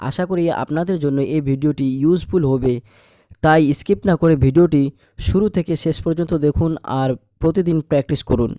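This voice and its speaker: A man with a Bengali accent teaching English, reading each sentence in Bengali and then repeating it slowly in English. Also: fairly high pitch, mellow, no echo, studio quality. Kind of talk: slow sentence drills.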